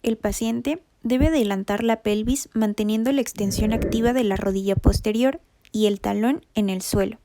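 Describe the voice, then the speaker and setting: Mellow woman reading anatomy lessons. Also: a little high, normal speed. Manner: even, methodical reading of anatomy terms. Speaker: rehabilitation instructor. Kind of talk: scripted educational narration.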